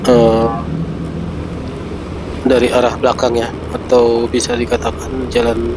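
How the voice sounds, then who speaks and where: A man vlogs while travelling through flooded city streets, chatting to viewers and repeatedly calling them "friends." His medium-pitched voice is monotone and measured, stuffy from a cold, with outdoor traffic noise around him.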